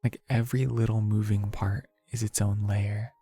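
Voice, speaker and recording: A playful, goofy livestreamer with a creaky voice, chatting casually to viewers and tossing in silly exclamations. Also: medium pitch, level tone, normal speed, mellow, dry recording, soft background music. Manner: playful, goofy, with sing-song nonsense exclamations.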